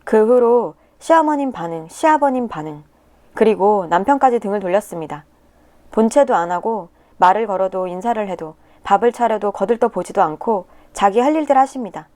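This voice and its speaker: A woman reading a personal story aloud in the first person, with emotive, tearful delivery and pitch swings. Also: expressive, brisk, mellow. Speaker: narrator of a viewer's submitted story. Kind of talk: scripted first-person narration.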